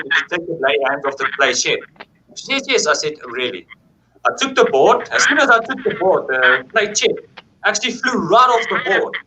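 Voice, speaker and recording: A man telling a paranormal story in a casual, animated way, acting out quoted dialogue and swearing freely. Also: on the high side, noisy background.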